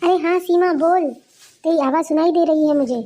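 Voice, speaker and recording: A woman voicing a supportive young female friend on the phone in a cartoon, giving brisk, indignant advice. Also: very high voice, steady tone, mellow, pitched above the performer's own voice. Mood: advising. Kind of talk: cartoon voice acting.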